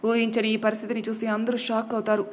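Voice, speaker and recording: Lady narrating a drama story, brisk, a bit high voice. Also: monotone.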